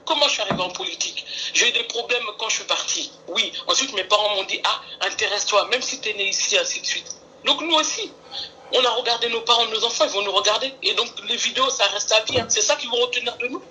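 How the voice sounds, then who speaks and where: Woman on a call into a live stream, bright edgy voice, earnest and pleading, a little hiss behind. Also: a little high, fast talker, low-quality recording. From France. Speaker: caller.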